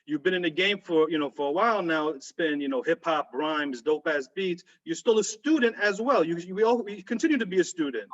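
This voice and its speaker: A man with a fairly high, expressive voice hosts a casual interview over a video call, talking fairly quickly with few pauses. He's hyped and slangy, calling his guest "my brother," and the audio is dull and lo-fi.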